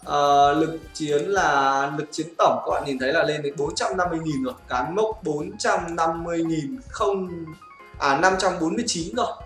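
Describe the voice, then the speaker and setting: A man's voice: fairly high pitch, normal speed, fairly bright tone. A man giving chatty gameplay commentary, often checking in with his viewers. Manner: chatty, often asks "right, guys?". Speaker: mobile game YouTuber. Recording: echoey room with game music.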